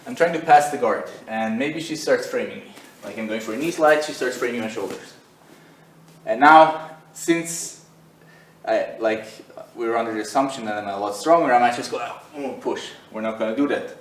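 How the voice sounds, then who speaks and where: A man's voice: medium pitch, normal speed, echoey room, far from the mic, low-quality recording. A man teaching jiu-jitsu in a loose, conversational way while demonstrating on the mat. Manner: loose and conversational, many fillers. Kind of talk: casual instructional demo.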